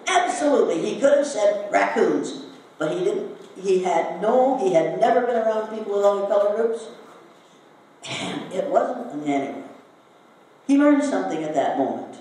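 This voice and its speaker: Giving a talk before a live crowd, an older Iowa woman from the United States shares a story and asks her listeners questions. She sounds animated and mellow at medium pitch and normal speed, though the recording is distant, very echoey, and faintly noisy.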